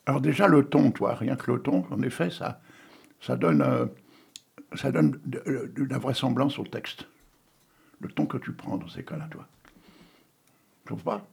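A man in his sixties talks loosely between poems, joking and wandering off topic before he recites. His voice is deeply gravelly and rough with fry, and the raspy grain never clears. He sits at an ordinary middle pitch. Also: very animated, unhurried, long pauses, darkish tone. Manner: chatty, joking, digressive, coughing now and then. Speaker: host of a poetry reading. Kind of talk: casual chat and poetry reading.

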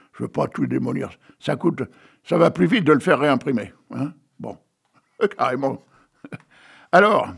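An older man with a husky voice, rambling chattily to his viewers and reading out an absurd tale he wrote, tagging his phrases with "hein". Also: mid-range voice. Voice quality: gravelly, husky voice. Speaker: amateur writer reading his own text. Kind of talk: rambling monologue with a read-aloud absurd tale.

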